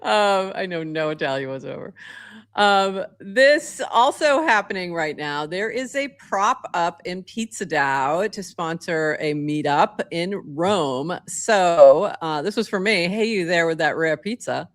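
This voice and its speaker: A woman's voice: lowish voice, expressive, a little slow. A woman co-hosting a casual podcast chat, chatty with frequent fillers and laughs. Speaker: co-host.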